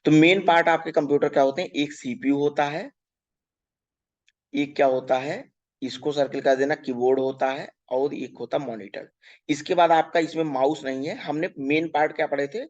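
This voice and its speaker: A male teacher going through a children's workbook lesson, reading English questions slowly, explaining in Hindi, spelling words letter by letter and often checking "ठीक है". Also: a little high, steady tone, darkish tone, dull audio. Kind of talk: workbook lesson for young pupils.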